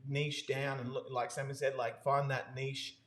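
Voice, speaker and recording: A man's voice: medium pitch, flat delivery, moderate pace. A man co-hosting a casual marketing chat, talking enthusiastically with lots of "you know" and restarts. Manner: enthusiastic, full of fillers and restarts. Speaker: co-host. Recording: roomy echo.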